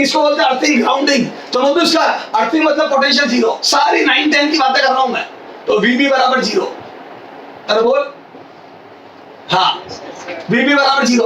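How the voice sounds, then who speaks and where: Rajasthani hindi accent guy lecturing physics loud, sharp bright voice, recorded far off. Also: very high voice, a little hiss or hum. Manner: loud, drilling, calls on students. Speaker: physics teacher. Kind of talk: classroom lecture. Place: classroom. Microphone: camera at a distance. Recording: echoey classroom, far from mic.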